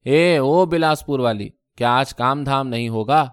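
A man voicing a quarrelsome middle-aged first wife who taunts and shouts in a sharp voice. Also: medium pitch, clean tone, no room sound, studio quality, lightly acted. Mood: taunting.

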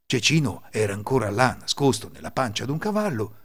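A man reading a folk tale aloud, expressive and animated. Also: medium pitch, fairly quick. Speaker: storyteller.

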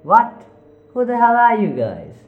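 A man doing a frazzled, shouting editor. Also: huge pitch swings, a little slow, narrow, tinny audio, exaggerated voice. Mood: exasperated. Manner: loud, exasperated, raised pitch. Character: stressed young-ish male book editor, jumpy. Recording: roomy echo.

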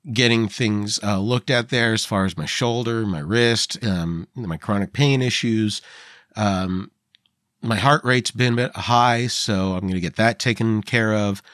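A man's voice: fairly low pitch, fairly bright tone, no room sound, studio quality. A man in his forties hosting a podcast, rambling informally with fillers and casual swearing. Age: 40s. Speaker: podcast host.

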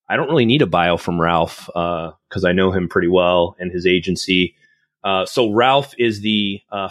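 A man's voice: lowish voice, a bit bright, dry recording. A man hosting a casual podcast interview, chatty and upbeat with many fillers and restarts. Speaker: podcast host.

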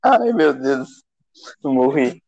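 A man's voice: medium pitch, very animated, takes it slowly, vocal fry, a little mellow, dull audio. A man hosting a casual podcast chat, teasing and prodding his co-host.

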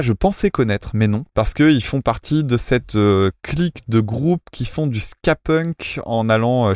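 A man's voice: lowish voice, darkish tone, dry recording, studio quality. Chatty man picking apart a song. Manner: chatty, many fillers, technical and self-mocking. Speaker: podcast co-host reviewing cover songs. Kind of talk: casual chat, music critique.

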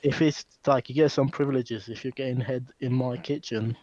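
A man's voice: mid-range voice, steady tone, moderate pace, a little mellow, no echo, highs cut off. A young man co-hosting a podcast, chatting casually and reacting with short agreements. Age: young adult. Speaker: podcast co-host. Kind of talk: casual chat.

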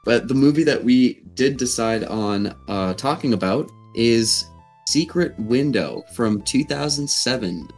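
A man's voice: mid-range voice, lively intonation, a little slow, a little mellow, soft background music. A man hosting a podcast in a casual, conversational style. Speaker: podcast host. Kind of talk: casual chat.

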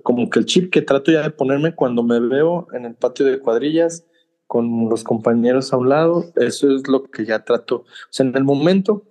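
A man with a Mexican Spanish accent, a bullfighter guest on a casual podcast, telling stories in an animated, emphatic way with frank slang. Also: medium pitch.

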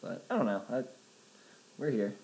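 A man's voice: lowish voice, animated, normal speed, creaky, a little mellow. A young man as a podcast guest in casual chat, laughing often and saying "like" a lot.

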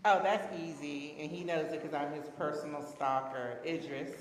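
A woman's voice: deep voice, fairly even intonation, a little hiss or hum. Candid woman answering interview questions. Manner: candid, laughs, drawn-out "um"s. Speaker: interview guest. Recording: echoey room.

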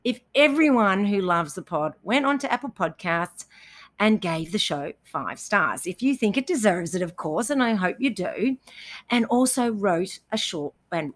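An Australian woman hosting a podcast, chatting casually and upbeat, with easy laughs and plenty of fillers, in a cabin. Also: mid-range voice. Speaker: podcast host and running coach. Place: indoors in a cabin.

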